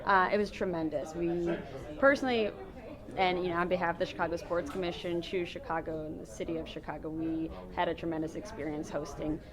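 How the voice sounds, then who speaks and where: Female sports commission rep, low and level, crowd noise behind. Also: fairly even intonation, fairly quick. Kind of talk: press event interview. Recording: busy crowd chatter behind.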